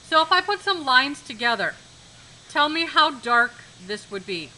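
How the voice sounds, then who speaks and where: A woman's voice: sits high, very animated, unhurried, sharp tone, slight background noise, poor audio. A woman art teacher giving a live demonstration lesson in a classroom, instructive, repeating key points and checking that students follow.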